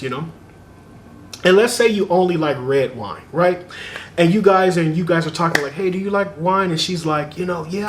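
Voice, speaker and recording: A young man talking casually to camera in a vlog, giving dating advice in a chatty, animated way and laughing often. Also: a little high, a little hiss or hum. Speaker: dating vlogger.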